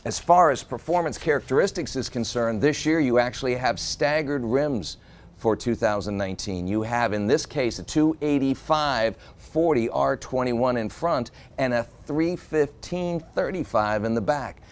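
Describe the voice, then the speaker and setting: A man walking around a car and talking it up. His voice sits at an ordinary middle pitch, and he has a bright, joking, salesman-like way of pitching the features. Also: normal speed. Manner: jokey, upbeat salesman-like delivery. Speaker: car reviewer. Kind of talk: car review walkaround.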